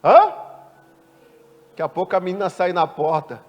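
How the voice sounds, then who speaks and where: A man preaching a sermon, animated and often questioning the congregation with playful asides. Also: high-pitched, normal speed, dull audio. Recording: long church-hall reverb.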